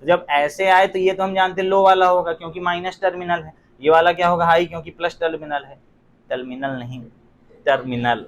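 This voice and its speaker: A man's voice: sits high, fairly even intonation, quick pace, few pauses. A young man teaching physics in a classroom, firing rhetorical questions at his students and throwing in joking asides. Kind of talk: classroom lecture.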